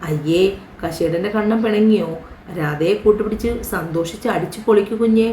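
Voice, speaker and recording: A man's voice: high-pitched, a little fast, warm tone, slight background noise, close to an everyday voice. A woman voicing a tender young man who coaxes and comforts his beloved, recorded in a roomy room. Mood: tender, coaxing. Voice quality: coaxing, affectionate.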